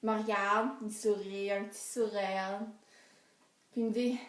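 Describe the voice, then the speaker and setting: A young woman performing a comic monologue, animated, swinging from hushed asides to excited cries. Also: mid-range voice, measured pace, recorded from a distance. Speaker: storyteller. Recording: roomy echo.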